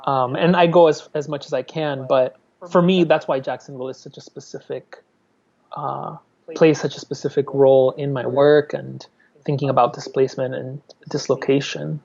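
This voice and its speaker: A gravelly, slightly mellow mid-range voice with a steady tone and normal speed, highs cut off, comes from a male artist in his thirties. He's from Miami, Florida, and speaks candidly as an interview guest in a conversational setting, often restarting what he says.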